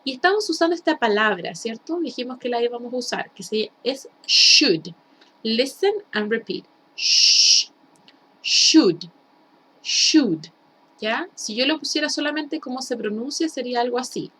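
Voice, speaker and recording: A woman's voice: fairly high pitch, animated, fairly bright tone. Chilean woman teaching English patiently. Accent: Chilean Spanish. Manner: explains slowly in Spanish, drills English words with students. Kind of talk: recorded remote lesson.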